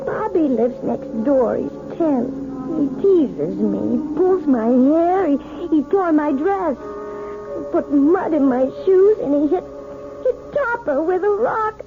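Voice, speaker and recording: A grown woman sliding back into a frightened little girl under hypnosis, in a very high, sing-song voice that rises and falls a lot. She speaks slowly, childlike and pleading. The sound is muffled, from an old radio broadcast. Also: lively intonation, music in the background, exaggerated voice. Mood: tearful. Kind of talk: 1970s radio drama acting.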